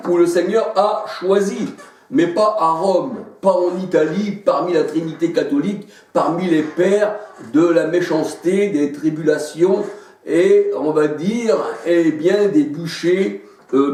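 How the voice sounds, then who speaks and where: A man preaching a sermon, halting as he searches for Bible verses and dropping in frequent hallelujahs. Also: fairly high pitch, warm tone. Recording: echoey room, voice far from mic.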